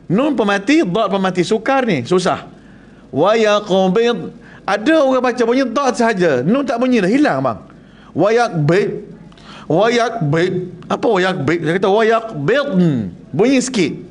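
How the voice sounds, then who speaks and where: A man with a Malaysian Malay accent teaching Quran recitation to a class in a prayer hall, lively and jokey, quizzing his listeners and demonstrating Arabic sounds. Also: high voice.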